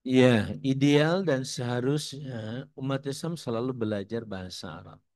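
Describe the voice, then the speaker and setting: A man's voice: mid-range voice, a little slow, darkish tone, dry recording. A man teaching an Islamic study lecture as the guest teacher, explaining patiently and tossing in rhetorical questions. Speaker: religious teacher. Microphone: live broadcast mic.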